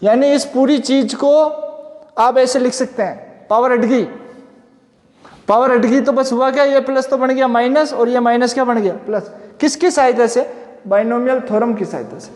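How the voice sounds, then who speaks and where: A man teaching physics in a classroom lecture, asking and answering his own questions and slowing down to spell out formulas. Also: very high-pitched, steady tone, darkish tone. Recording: echoey room with long reverb.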